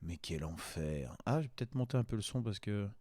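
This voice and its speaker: A man's voice: fairly low pitch, expressive, brisk, warm tone, no room sound. A man doing casual, exasperated and crude mocking commentary as a video host.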